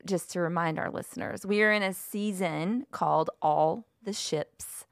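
A woman's voice: fairly low pitch, unhurried, dry recording, studio quality. A woman co-hosting a podcast, talking in a chatty, upbeat way. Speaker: podcast co-host. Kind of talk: casual chat.

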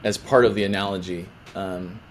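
A man's voice: low-pitched, steady tone, moderate pace, a little hiss or hum. A man hosting a casual interview, upbeat and jokey, with plenty of fillers. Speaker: podcast host.

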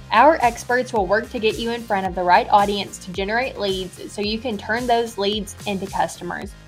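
A woman announcer giving a scripted commercial read. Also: mid-range voice. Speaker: advertisement announcer. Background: music bed.

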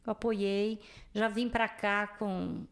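A woman's voice: mid-range voice, slow pace, vocal fry. A middle-aged woman from Brazil with a Brazilian Portuguese accent, a mother telling emotional family stories in a casual livestream chat. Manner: animated, emotional storyteller.

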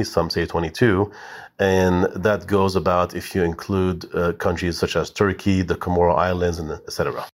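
A man giving a matter-of-fact, informative explanation as a guest. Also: deep voice. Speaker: network member guest.

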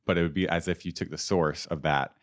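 A man with a remarkably low, deep voice talks in an unhurried, informal way. He is getting over an illness and explains technical things casually, as a podcast co-host would. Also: fairly even intonation. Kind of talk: casual tech chat.

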